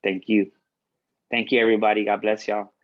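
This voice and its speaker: A man's voice: on the low side, level tone, a little fast, muffled recording. A man giving a faith-based motivational speech as a guest speaker, repeating key lines for emphasis.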